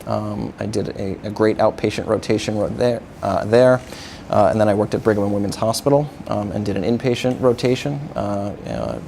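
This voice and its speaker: A man in his thirties from the New York area, a physical therapist answering interview questions in a halting way, with lots of fillers. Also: on the low side, gravelly, mellow, slight background noise. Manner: halting, many uh fillers, agreeable.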